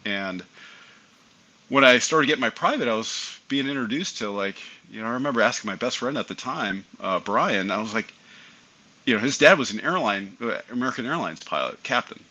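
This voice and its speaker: A middle-aged man, an airline pilot guest on an aviation podcast, telling his story in an animated, conversational way. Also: medium pitch, brisk, poor audio. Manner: animated, acts out remembered dialogue. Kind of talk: casual interview storytelling.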